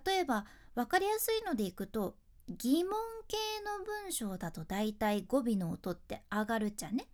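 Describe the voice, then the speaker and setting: A woman's voice: a little high, sing-song, normal speed, darkish tone. A young woman with a Fukuoka accent, a freelance announcer giving a casual speaking lesson in chatty explanations with dialect endings. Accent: Fukuoka Japanese.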